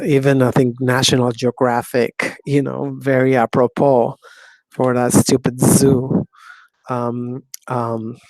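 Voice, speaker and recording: A woman in her fifties from Mexico hosts her own talk show in a rambling, scornful solo monologue, ranting and saying "you know" constantly. Her voice is extremely low-pitched with a darkish tone, and there is no echo.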